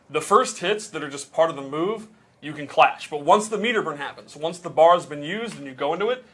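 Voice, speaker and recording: A man's voice: fairly high pitch, pushed and bright, breathy edge. A man casually explaining game mechanics, patiently walking through examples step by step.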